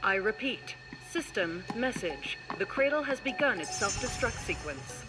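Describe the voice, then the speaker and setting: A woman voicing a female automated system announcer, repeating a flat machine alert over a facility loudspeaker. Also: medium pitch, a little slow, over music. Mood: warning.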